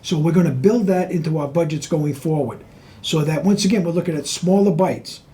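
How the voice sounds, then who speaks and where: A man from a water board answering interview questions in a deliberate, earnest way. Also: on the high side, mellow, poor audio. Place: on a tour of the water department.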